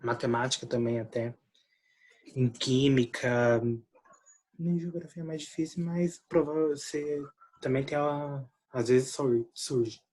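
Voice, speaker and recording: A husky-voiced Brazilian math teacher talks students through a lesson over a video call. His audio is choppy and drops out, so words arrive in broken pieces. He explains in an easy, unhurried way. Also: medium pitch, low-quality recording. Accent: Brazilian Portuguese. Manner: relaxed, explains slowly, often says "daí". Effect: choppy, cutting-out video call audio. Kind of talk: online class explanation.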